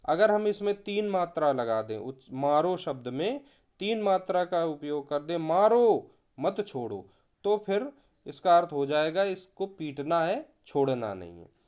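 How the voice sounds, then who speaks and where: A man's voice: on the high side, sing-song, measured pace, darkish tone, clean tone. A man teaching a recorded video lesson, explaining with spoken examples and stressing words to show their meaning.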